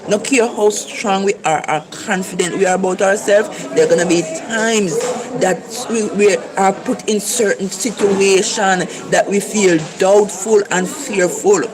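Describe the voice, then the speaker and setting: Over a low-quality recording, a livestream preacher from Jamaica speaks in a medium-pitched voice and a Jamaican accent. The talk is a casual, earnest exhortation to viewers that repeats its key phrases.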